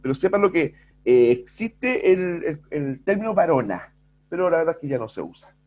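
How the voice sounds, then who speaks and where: A man's voice: on the high side, very animated, normal speed, a little mellow. A middle-aged man, teaching a recorded grammar lesson and often checking in with the class. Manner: explains with many rhetorical checks and self-corrections. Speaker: school language teacher. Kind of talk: recorded virtual class lecture.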